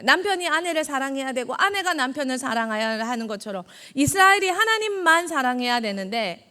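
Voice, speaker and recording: Bright, high-voiced woman preacher. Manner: quizzes the children and echoes their answers; acts out God's words in quoted lines. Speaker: junior evangelist. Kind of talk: children's sermon.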